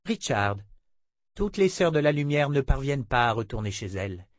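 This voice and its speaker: A man's voice: medium pitch, moderate pace, no room sound, clean studio sound, natural voice. Man reading a cold, ruthless woman mentor. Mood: coolly stern. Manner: calm, cutting, commanding.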